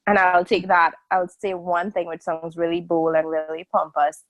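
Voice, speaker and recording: A woman in her early thirties talks openly on a video call as an interview guest, circling her thoughts with fillers and restarts. Her voice sits on the low side, and the sound is dry and close. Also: level tone, normal speed, a bit bright, no echo, low-quality recording. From a small island country. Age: 30s. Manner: candid, rambling, with many fillers and restarts. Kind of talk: casual video-call conversation.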